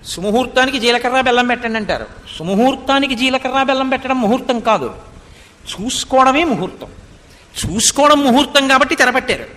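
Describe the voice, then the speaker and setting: A man's voice: very high-pitched, expressive, quick pace, pushed and bright, long reverb tail. A man giving a devotional scripture discourse, expounding with rhetorical questions and reciting Sanskrit verses. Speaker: spiritual discourse speaker.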